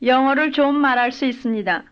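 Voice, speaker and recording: A high-pitched woman serves as the model speaker in a recorded language drill, answering in careful, measured full sentences. The sound is dull and lo-fi, like an old lesson tape.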